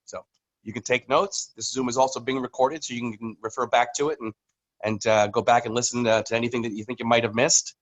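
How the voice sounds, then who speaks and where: A man's voice: mid-range voice, steady tone, fast talker, low-quality recording. Man, company executive, loose and chatty, lots of ums and restarts, video call mic. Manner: casual, rambling with many fillers and restarts. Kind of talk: business update on a video call.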